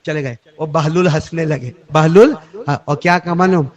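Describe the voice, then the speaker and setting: A man with a slight lilt preaching a storytelling sermon, quizzing listeners and swinging quiet talk to shouted lines. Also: fairly high pitch. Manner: dramatic, swings from soft to shouting, quizzes the audience. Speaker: religious preacher. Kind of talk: Urdu sermon storytelling to a congregation.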